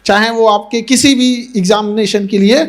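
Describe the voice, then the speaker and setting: A teacher giving an earnest motivational speech to students, repeating key points and mixing in English phrases. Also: male voice, high-pitched, fairly even intonation, normal speed.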